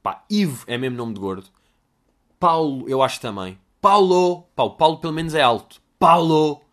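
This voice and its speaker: A man's voice: mid-range voice, lively intonation, fairly quick, fairly bright tone. A young man with a European Portuguese accent, answering listener questions in a rambling, crude, jokey comedic monologue.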